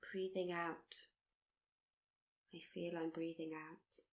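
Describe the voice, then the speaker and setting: A slightly low, very steady female voice guides a body-scan meditation at a live workshop. The teacher's delivery is unhurried and comforting, with soft encouragement and frequent repetition of her wording.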